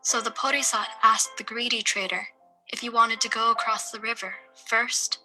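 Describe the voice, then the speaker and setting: A woman reading a folk tale aloud at a steady, measured pace. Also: on the high side, soft background music, rough recording. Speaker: storyteller.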